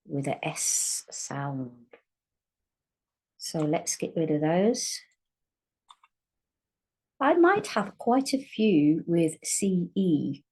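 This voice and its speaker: A woman's voice: low-pitched, a little mellow, slightly rough, poor audio. A woman teaching a recorded phonics lesson, patiently sounding out letters again and again. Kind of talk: recorded online spelling lesson.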